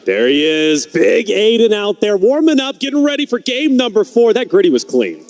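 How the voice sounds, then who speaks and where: Energetic male esports caster. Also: high voice, normal speed, soft background music. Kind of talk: broadcast commentary.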